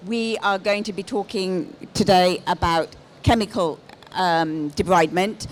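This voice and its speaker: A middle-aged woman giving a live presentation on a handheld microphone as a lead clinician. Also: mid-range voice. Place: exhibition stand in a large busy indoor hall. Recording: live hall with clear background noise.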